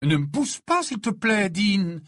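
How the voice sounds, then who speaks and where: A man's voice: high voice, big pitch swings, a little slow, a bit bright, dry recording, studio quality, pitched above the performer's own voice, exaggerated voice. A man voicing an irritated, proud teenage girl who snaps sharply. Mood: annoyed.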